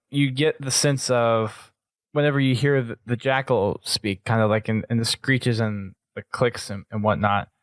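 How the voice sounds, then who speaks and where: A man co-hosting a podcast, recapping an episode in casual talk, often pausing and restarting his sentences. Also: medium pitch, dry recording. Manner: halting, restarts often while summarizing. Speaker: podcast co-host.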